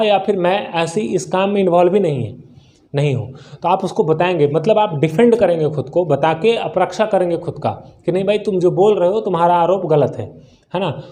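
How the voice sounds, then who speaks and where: A man from India teaching an English lesson in Hindi, explaining words slowly, with many rhetorical questions and English words mixed in. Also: high-pitched, dark tone.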